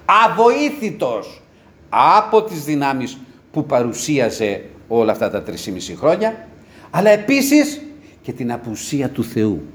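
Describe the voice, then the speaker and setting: A man preaching a sermon with passion, rising to loud cries and dropping to low murmurs. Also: wildly swooping pitch.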